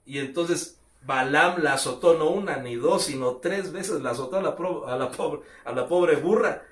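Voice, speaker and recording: Mexican pastor preaching in an echoey church. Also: male voice, a little high, normal speed. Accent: Mexican Spanish. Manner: storytelling, acting out the characters with raised voice. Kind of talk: sermon. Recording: echoey church room, voice from far off.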